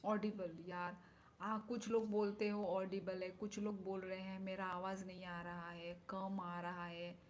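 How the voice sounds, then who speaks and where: Slow-talking woman chatting on a livestream. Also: mid-range voice, flat delivery, a little hiss or hum. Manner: chatty, thinks aloud, drops into soft whispered asides. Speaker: live streamer. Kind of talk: casual live-stream chat answering viewer comments. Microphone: phone microphone.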